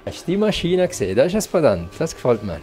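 A blunt, teasing man in his sixties with a Swiss German accent, grumbling his way through a hotel and restaurant on camera. His pitch sits mid-range for a man. Faint music plays beneath his voice. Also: big pitch swings, quick pace. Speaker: restaurant tester host. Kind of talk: casual on-camera chat. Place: outdoors in a mountain village, then hotel rooms.

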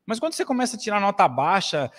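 A man's voice: sits high, sing-song, fast talker, fairly bright tone. A man in his forties with a Brazilian accent, giving an earnest spiritist lecture at a lectern with expansive gestures, speaking into a stand mic in a small hall. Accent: Brazilian Portuguese. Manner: earnest, preaching with wide gestures. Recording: long hall reverb.

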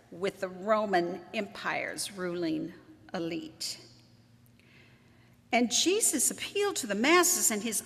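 A woman pastor preaches with a lively, swooping delivery and a bright, forceful edge, dropping in dry, wry asides. Her voice rings out in a church sanctuary with a long, hanging reverb. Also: mid-range voice. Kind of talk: sermon.

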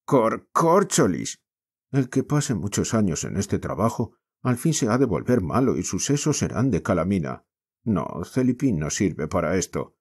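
A man's voice: low voice, big pitch swings, moderate pace, a little mellow, slightly rough, exaggerated voice. A man voicing a desperate young mining lad. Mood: desperate, pleading. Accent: Spain. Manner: impassioned, frustrated outbursts. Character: poor mining boy, restless and despairing. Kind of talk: audiobook character reading.

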